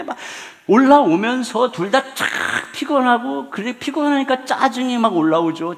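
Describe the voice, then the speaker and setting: A middle-aged male pastor delivering a sermon, telling stories with loud bursts and hushed low lines. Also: creaky. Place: large church sanctuary. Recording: long church hall reverb.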